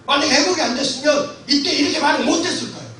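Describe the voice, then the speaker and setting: A middle-aged male pastor giving an impassioned, storytelling sermon lecture to a congregation, often breaking into shouts. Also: very high-pitched, very fast. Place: church hall. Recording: very echoey church hall, mic far off, faint noise.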